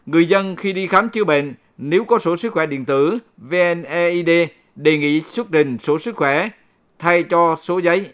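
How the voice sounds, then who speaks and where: Formal male radio announcer, slightly high voice. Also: fairly bright tone. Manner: formal, measured read-aloud delivery. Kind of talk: formal scripted public-information announcement read aloud.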